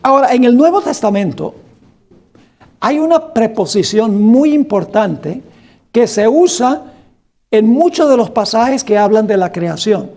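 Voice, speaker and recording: Slow, deliberate male preacher. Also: very high-pitched, expressive, mellow. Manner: slow and deliberate, quizzing the congregation; reads scripture aloud with emphasis. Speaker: pastor. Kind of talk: Bible study sermon.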